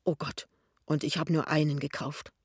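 A man's voice: fairly high pitch, flat delivery, moderate pace, breathy edge, no echo, studio quality. A man voicing an anxious, hasty and embarrassed young husband in an audiobook. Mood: worried.

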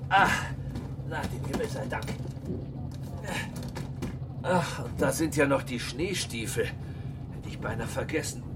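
A man's voice: medium pitch, very noisy. An actor playing a fussy male traveller who mutters to himself in an audio drama.

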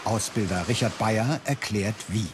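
A man's voice: fairly low pitch, over loud music. Man narrating a documentary voice-over. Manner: clear, measured voice-over delivery.

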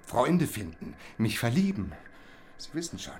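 A man's voice: medium pitch, wildly swooping pitch, a little slow, a little mellow, slight background noise. An actor playing a lonely, anxious young man who talks to an imagined inspector and breaks into pained groans. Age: young adult. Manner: anxious monologue, groaning in pain.

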